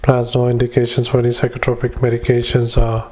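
A man who is a doctor, dictating clinical notes into a dictaphone, halting often with drawn-out "uh"s. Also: medium pitch, completely flat delivery, darkish tone. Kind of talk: medical dictation.

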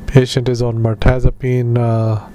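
A man speaking as a doctor doing medical dictation, in halting, clipped phrases with spoken punctuation. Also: mid-range voice, completely flat delivery, dark tone, a little hiss or hum. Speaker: doctor dictating clinical notes.

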